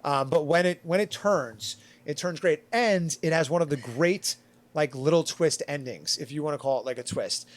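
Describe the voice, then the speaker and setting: Fairly high in pitch and at normal speed, a man chats on a podcast panel. His retelling wanders, is crammed with "like," and features quotes he acts out on the fly.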